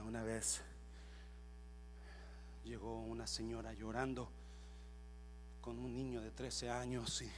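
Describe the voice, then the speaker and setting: A male pastor preaching a sermon, telling a story and building up to loud shouting, slipping English words into his talk. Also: mid-range voice, slight background noise.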